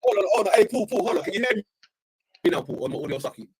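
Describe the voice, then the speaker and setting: Guy on a laggy choppy call, rushing his words, super husky rough signal. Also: sits high, sing-song, a little mellow, no echo, clean studio sound. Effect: choppy, breaking-up call audio. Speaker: panel guest on a live call. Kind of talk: casual chat.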